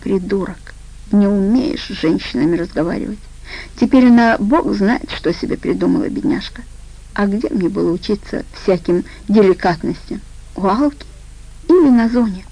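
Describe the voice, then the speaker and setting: A woman reading an audiobook voices a rough ex-convict man who mutters gruffly at himself. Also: mid-range voice, lively intonation, moderate pace, warm tone, low-quality recording. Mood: self-reproach.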